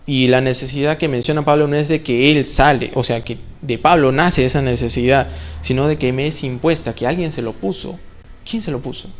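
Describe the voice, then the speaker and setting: A man's voice: mid-range voice, a little fast. A man preaching a sermon in a church, conversational, full of rhetorical questions and playful asides.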